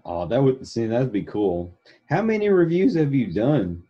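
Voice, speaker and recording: A man chatting casually as an interviewer, informal and animated, acting out his reactions. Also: medium pitch, moderate pace, slightly rough, lo-fi sound. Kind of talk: casual chat.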